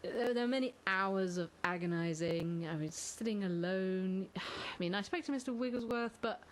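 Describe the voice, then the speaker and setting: A woman hosting a comic role-play podcast in a dry, deadpan, self-mocking way, with hesitant fillers. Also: mid-range voice, moderate pace, a little hiss or hum, rough recording. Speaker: podcast host.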